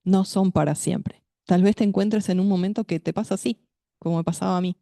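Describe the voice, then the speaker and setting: A woman's voice: mid-range voice, steady tone, gravelly, dark tone, dry recording, studio quality. A woman preaching at a women's meeting, speaking to her listeners directly and asking them questions. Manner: measured, addresses listeners directly as sister with questions. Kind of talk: sermon.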